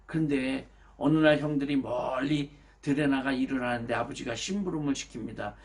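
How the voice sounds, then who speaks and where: Pastor retelling a story in a sermon. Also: male voice, mid-range voice, a little fast. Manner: lively storytelling, direct address to listeners.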